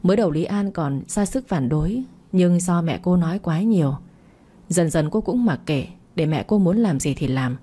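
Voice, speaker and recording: Woman narrator, audiobook, low pitch, mellow tone. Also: expressive, moderate pace, husky.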